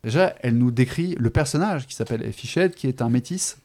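A man hosting a podcast, chatting casually about a book, pausing often with fillers and restarting his sentences. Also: mid-range voice, expressive, mellow. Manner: hesitant, many fillers and restarts, chatty asides. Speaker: podcast host. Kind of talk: casual literary chat.

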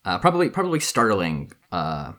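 A man runs a tabletop game in a very low voice that still carries a bright, sharp edge. He narrates haltingly and restarts his sentences often. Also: huge pitch swings. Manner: halting, many restarts and fillers. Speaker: game master.

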